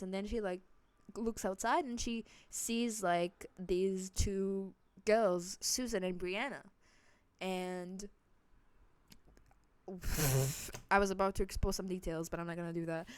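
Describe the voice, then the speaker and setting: Young woman vlogger, mid-pitched, chatty storytime rambler with swearing and restarts, recorded dry. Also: clean tone, no echo. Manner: rambling, swears a lot, many fillers and restarts; dramatic swings in loudness and pitch. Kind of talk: casual storytime monologue.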